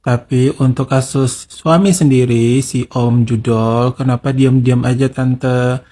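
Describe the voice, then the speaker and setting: A man's voice: mid-range voice, steady tone, a little slow, mellow. A man hosts a channel, giving casual, sarcastic commentary and teasing his viewers as he coaxes them to respond. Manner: teasing, sarcastic, coaxing the audience.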